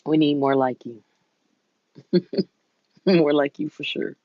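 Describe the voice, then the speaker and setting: Creaky-voiced Southern US woman with a drawl. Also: low voice, steady tone, slow pace, no room sound, highs cut off. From southern United States. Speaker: livestream host. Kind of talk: casual chat with viewers.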